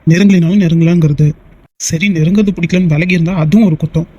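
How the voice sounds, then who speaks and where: A voice actor dubbing a teasing, easily annoyed young man in a cartoon, talking in fast, bickering banter. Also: mid-range voice, steady tone, warm tone, breathy edge, no echo, dull audio, close to an everyday voice. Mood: exasperated. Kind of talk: cartoon voice dub.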